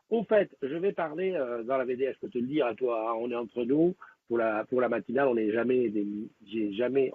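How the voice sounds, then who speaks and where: A man's voice: mid-range voice, breathy edge. A man hosting a live stream, chatting casually with viewers and rambling with many fillers and restarts. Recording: tinny, lo-fi phone-like sound.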